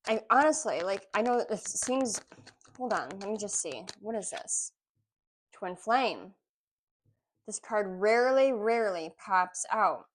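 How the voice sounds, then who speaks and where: A woman giving a casual intuitive tarot reading, musing aloud with pauses between phrases. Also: mid-range voice, expressive, slight background noise. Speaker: tarot reader.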